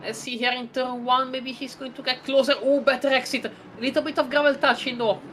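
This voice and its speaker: A woman giving live sim racing commentary, chatty and rambling, breaking into excited exclamations. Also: sits high, fairly quick, slight background noise, rough recording.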